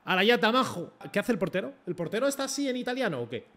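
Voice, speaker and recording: Excitable young gamer, high voice. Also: male voice, quick pace. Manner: excitable, swears a lot, talks to the referee and coach. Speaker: gaming streamer. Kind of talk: live gameplay commentary.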